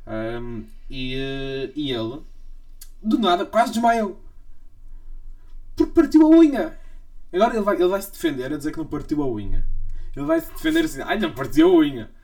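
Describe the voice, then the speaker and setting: A man's voice: on the high side, big pitch swings, moderate pace, long pauses, a little mellow. A young man with a European Portuguese accent, teasing his co-host in casual podcast banter. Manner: teasing, jokey, laughs often. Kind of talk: casual chat.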